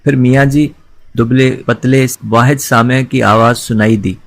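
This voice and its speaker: A man narrating a literary short story in a measured, dramatic reading. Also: mid-range voice, steady tone.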